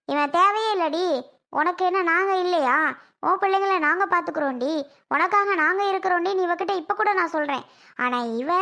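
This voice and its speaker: A woman's voice: extremely high pitch, exaggerated voice. A woman playing a harsh middle-aged mother who scolds her family and demands the family property, in a family drama skit. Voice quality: scolding, sharp-tongued.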